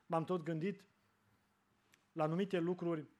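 A man's voice: a little high, steady tone, a little mellow. A man preaching a sermon to his congregation, earnest, acting out short dialogues in changed voices.

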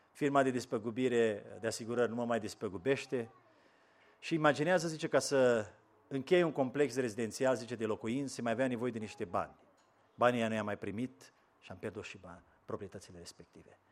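A man preaching a sermon, dropping from low asides to loud, pleading cries. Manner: swings from low muttering to loud preaching and acted quotes.

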